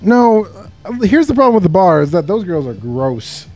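A man's voice: high voice, sing-song, moderate pace, a crowd in the background. A man hosting a podcast, talking in crude, teasing banter and swearing freely. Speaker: podcast host.

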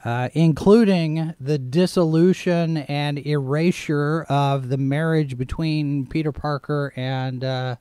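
A man hosting a live show, chatting casually through the news in a halting, digressive way. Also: a little high, fairly even intonation, dark tone, clean tone, dry recording, clean studio sound. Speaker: host and editor of a live show.

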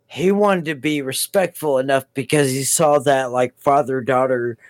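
A man's voice: medium pitch, normal speed, no echo. A man co-hosting a casual chat about a TV episode, rambling, restarting his sentences and swearing now and then. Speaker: podcast co-host.

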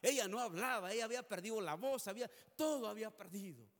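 High-voiced preacher in echoing hall. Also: male voice, lively intonation, fast, a bit bright. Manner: earnest, swelling into fervent prayer. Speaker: preacher giving testimony. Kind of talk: emotional testimony sermon. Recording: long hall reverb.

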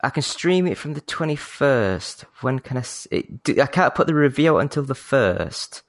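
A man with a Yorkshire accent hosting a casual gaming podcast, talking in a polite, measured way he picked up from years on the phone. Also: mid-range voice, lively intonation, no echo. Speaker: podcast host.

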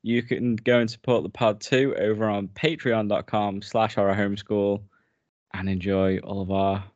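A man's voice: lowish voice, flat delivery, moderate pace, a little mellow, no room sound, highs cut off. A British man co-hosting a podcast in casual chat, laughing often as he wraps up the episode. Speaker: podcast co-host.

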